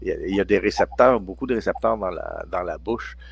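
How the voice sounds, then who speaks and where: Low-voiced Quebec man in his sixties. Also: fast talker, creaky, breathy edge, no room sound. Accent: Quebec French. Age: 60s. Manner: hesitant, many restarts and fillers. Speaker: guest pharmacology researcher. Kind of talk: casual expert chat.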